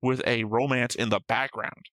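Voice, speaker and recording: A man co-hosting a reaction show chats casually and analytically about an anime episode, thinking out loud and swearing freely. His medium-pitched voice is fairly bright and fairly even, at a moderate pace. The recording is dry and studio quality.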